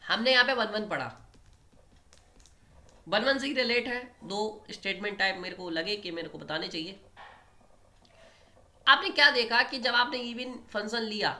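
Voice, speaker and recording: Bright-voiced man teaching maths. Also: sits high, animated, normal speed, pauses often. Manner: explains step by step, often checks in with the students. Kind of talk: online exam-prep lecture at a board.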